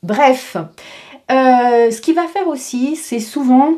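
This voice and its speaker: A woman's voice: sits high, slow pace, warm tone. A woman in her fifties explaining in a casual vlog, chatty, with many fillers and restarts. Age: 50s. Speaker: vlogger.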